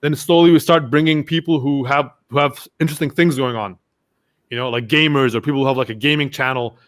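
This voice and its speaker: A young man with a mid-range voice talks fairly quickly as a podcast guest, sharing casual stories. He is animated and acts out what his friends said in this relaxed storytelling interview.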